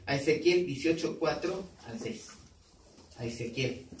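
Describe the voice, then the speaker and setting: A man's voice: a little high, lively intonation, unhurried, slight background noise. A male pastor teaching a sermon, quizzing the congregation with questions and repeating key words. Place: church hall. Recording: echoey hall, voice from far off.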